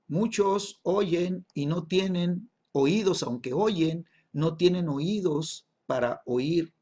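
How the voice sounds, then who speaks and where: Man, bible class teacher, husky voice, slightly high pitch, emphatic, frequent tag questions. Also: darkish tone.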